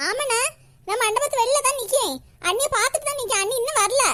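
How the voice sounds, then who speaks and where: A woman's voice: very high-pitched, fast, bright, forceful tone, no echo. A woman with a Kanyakumari Tamil accent voicing a worried young woman in a cartoon, pleading tearfully with her brother. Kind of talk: animated comedy cartoon dialogue.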